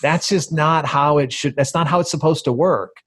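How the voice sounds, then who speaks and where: A man's voice: on the high side, moderate pace, a bit bright, husky. A man co-hosting a podcast in casual conversation, talking in an emphatic, rambling way full of fillers. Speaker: podcast co-host.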